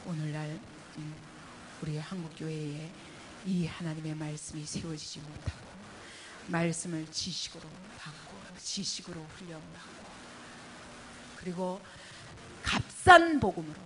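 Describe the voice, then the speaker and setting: A middle-aged woman pastor preaching a sermon, swinging between quiet, low passages and loud, emphatic outbursts. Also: a little slow, pauses often, background noise. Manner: impassioned preaching with sharp rises in pitch and volume. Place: church retreat hall.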